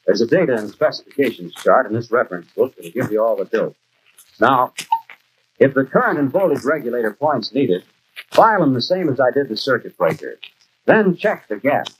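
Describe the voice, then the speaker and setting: Casting: man as instructive American shop expert, very varied pitch, 1940s educational film with soundtrack noise. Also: very animated, moderate pace, natural voice, rough recording. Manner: didactic, clearly explanatory. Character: brisk, instructive male garage expert. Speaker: actor playing a garage instructor. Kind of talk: 1940s training film acting, scripted instruction.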